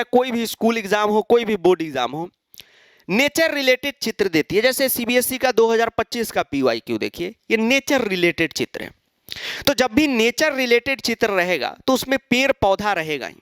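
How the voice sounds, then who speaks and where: A man's voice: extremely high pitch, very animated, normal speed, a bit bright, dry recording, studio quality. A man teaching an exam-prep lesson, explaining step by step and answering his own questions. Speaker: Sanskrit teacher.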